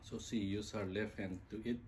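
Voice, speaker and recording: Guy chatting at dinner with his wife, mellow voice, laid back and teasing, a bit of room noise. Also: on the low side, normal speed. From Manipur, India. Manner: relaxed, asks questions, teasing. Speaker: vlogger and husband. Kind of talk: casual chat over a meal. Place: home kitchen or dining table.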